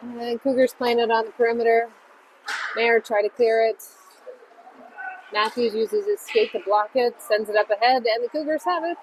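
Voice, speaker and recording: A woman with a slightly high voice, fairly even intonation, and normal speed does amateur play-by-play at an ice rink. She chats away while cheering on her own hockey team, over the noisy sound of the rink.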